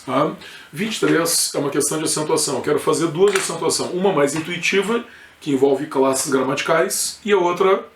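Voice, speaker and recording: A man's voice: fairly high pitch, slight background noise. A man with a southern Brazilian accent from Rio Grande do Sul, teaching an informal exam review lesson and often checking in with his students. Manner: informal, peppered with checks like "correto?" and "tá?". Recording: echoey room.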